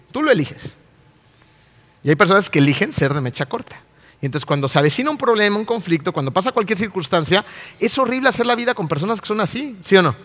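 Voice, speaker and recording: A man preaching a sermon, animated and asking his audience rhetorical questions. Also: high-pitched, long reverb tail.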